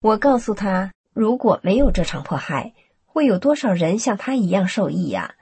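A woman tells a personal story in an earnest, steady narration. Her voice is very breathy and husky, and her pitch rises and falls in a lively way. The sound is close and dry, with no room around it. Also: moderate pace, no echo. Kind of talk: scripted first-person testimony reading.

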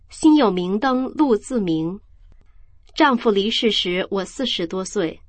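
A woman reading a first-person account aloud in a calm, measured storytelling voice. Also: mid-range voice, no echo.

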